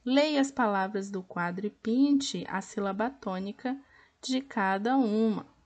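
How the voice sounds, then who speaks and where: A woman teacher with a Brazilian Portuguese accent, patiently walking pupils through a workbook and sounding out each word clearly. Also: medium pitch, a little slow, a little mellow. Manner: patient, over-articulates words to count syllables. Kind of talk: slow classroom explanation of an activity book.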